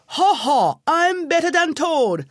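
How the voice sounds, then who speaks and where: A woman reading aloud, doing a cocky storybook donkey who brays his boasts in a high, loud, lively voice. He crows about being the fastest. The voice sits close and dry. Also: no echo. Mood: boastful. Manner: braying, bragging, raised voice. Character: boastful proud male donkey racer.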